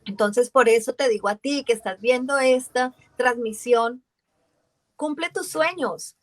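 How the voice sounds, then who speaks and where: A woman from Colombia's Valle del Cauca speaks with her regional accent in a casual interview. Her voice sits a little high and sounds dry and close to the mic. She tells her story with energy, slipping into the voices of the people she quotes. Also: unhurried, dry recording. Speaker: voice actress guest.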